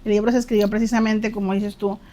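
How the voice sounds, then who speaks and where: A woman's voice: mid-range voice, level tone, quick pace, dark tone. A woman, a podcast guest, telling her faith testimony in an earnest, emphatic way. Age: adult twin sister.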